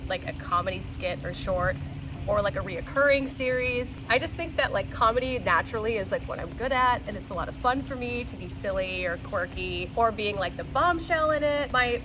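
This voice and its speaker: A woman's voice: fairly high pitch, low-quality recording. A tipsy young woman chatting casually through a Q&A, rambling, playful and frank. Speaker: vlogger and actress answering viewer questions.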